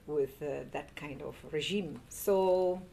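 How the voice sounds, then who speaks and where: A woman's voice: deep voice, slow, creaky, mellow, a little hiss or hum, rough recording. A woman from the Netherlands serving as an ambassador, answering interview questions with many hesitant fillers.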